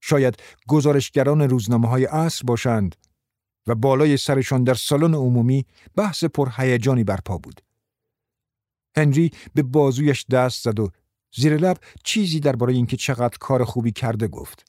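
A man reading a novel aloud in a measured, even way. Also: medium pitch, no room sound, clean studio sound. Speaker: narrator. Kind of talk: audiobook narration.

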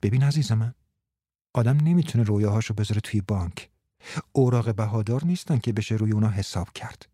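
A man voicing a moody young woman in an audiobook, speaking dryly and teasingly, with soft hushed stretches. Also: fairly low pitch, no echo, clean studio sound, pitched below the performer's own voice, natural voice. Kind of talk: audiobook character reading.

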